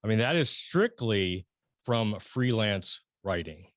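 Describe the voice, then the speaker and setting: Lively, rambling male interviewer. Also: fairly low pitch, takes it slowly, no room sound, clean studio sound. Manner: rambling, restarts often, excitable emphasis. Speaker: podcast host interviewing a guest. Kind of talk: casual interview.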